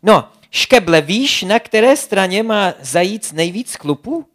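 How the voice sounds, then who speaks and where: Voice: mid-range voice, lively intonation, fairly bright tone, close to an everyday voice. A narrator playing a giggly joking otter girl. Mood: giddy. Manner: giggly, eager joke-teller. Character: playful joking female otter.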